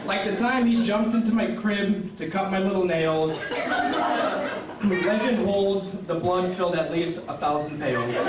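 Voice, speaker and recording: A young man with a high voice reads his rhyming best-man toast from a page, pausing while guests laugh. He speaks into a stand mic, but the camera catches him from across a roomy reception hall. There is a steady background hiss. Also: recorded from a distance. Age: young adult. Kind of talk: rhyming wedding toast read from paper. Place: wedding reception hall, indoors. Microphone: stand mic, filmed by a far camera.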